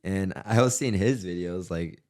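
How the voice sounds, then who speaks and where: A very deep-voiced man chatting casually on a podcast. He tells stories with energy and swears freely. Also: normal speed. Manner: animated storyteller, swears freely. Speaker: podcast co-host. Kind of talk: casual chat.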